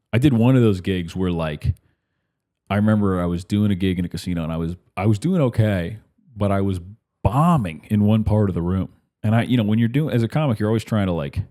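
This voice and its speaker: A man's voice: sits low, dark tone. A man, a comedian and podcast host, telling rambling stories in a casual monologue, often breaking off mid-sentence and acting out the voices of people he quotes. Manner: rambling, self-interrupting, acts out quoted voices.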